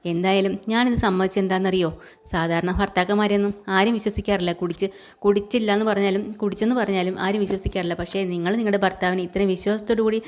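A woman voicing a polite middle-aged male bar manager who explains himself haltingly. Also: mid-range voice, fairly even intonation, close to an everyday voice. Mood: earnest.

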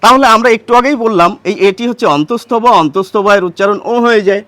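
A man's voice: high-pitched, quick pace, a bit bright, no room sound. A man teaching a pronunciation lesson, patiently posing questions and then answering them himself. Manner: patient, asks and answers his own questions. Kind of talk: explanatory grammar lesson.

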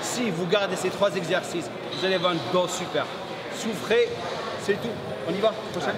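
Middle-aged man, fitness coach, energetic gym talk, high voice, loud clattering gym noise. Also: normal speed. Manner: energetic, pushes with repeated "come on". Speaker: bodybuilding coach and channel host. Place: large busy indoor gym.

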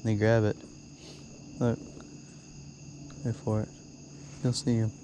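This fishing vlogger is a young man with a fairly low, slow, mellow voice that stays monotone as he explains things easygoingly, leaning on "sorta" and "like." He talks while fishing off a dock at dusk into night, recorded on a head-mounted action camera that catches outdoor noise, crickets and insects.

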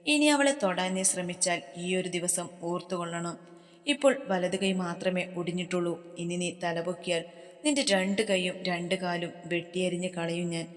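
Lady doing a cold scary young guy who turns gentle, low voice, echoey. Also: steady tone, normal speed, close to an everyday voice. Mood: menacing. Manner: cold, threatening. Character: protective young man, cold and stern.

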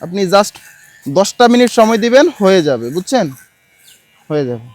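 A man with a Bangladeshi Bengali accent and a high voice speaks softly and coaxingly, repeating each request with patience. The sound is dry and close. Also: lively intonation, a little fast, dry recording. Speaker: street outreach volunteer. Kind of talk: coaxing street talk. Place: outdoors on a city street.

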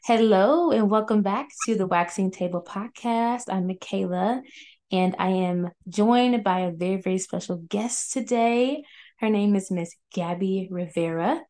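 A woman's voice: mid-range voice, unhurried, dark tone. A young woman hosting a podcast over a video call on headphones, upbeat and chatty, often saying "like". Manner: upbeat, chatty, uses "like" a lot. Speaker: podcast host. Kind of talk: casual interview chat. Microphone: over-ear headphones, video call.

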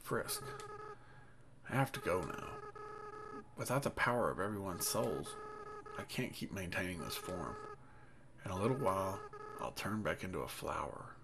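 A man's voice: low-pitched, huge pitch swings, normal speed, creaky, pauses often, noisy background, exaggerated voice. A man reading as a tearful young goat-monster boy. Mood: sad. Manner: soft, pleading and apologetic. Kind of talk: reading game dialogue aloud. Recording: game music playing underneath. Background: game soundtrack music.

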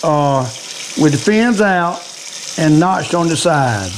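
An older man from behind a home camera talks in a folksy old fisherman way with a Southern US accent. His voice sits fairly high for a man. He explains things casually and repeats himself, with some background noise on the recording. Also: animated, takes it slowly. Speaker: cooking and fishing video host. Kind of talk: casual how-to chat.

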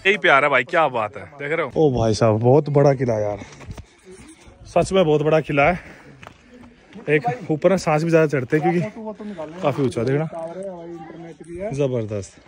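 A man's voice: a little high, normal speed, pauses often. A man vlogging outdoors at a hilltop fort, joking and chatting with passersby. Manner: excitable, joking, calls out to strangers. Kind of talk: casual vlog chat with passersby.

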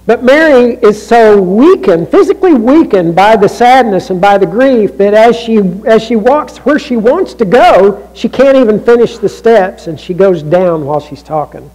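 Man, pastor, church sermon, high voice, chatty delivery with asides, dips to hushed lows. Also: expressive, normal speed, hardly any pauses, low-quality recording. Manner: conversational, with many restarts and asides; swings from raised emphasis to near-hushed lows.

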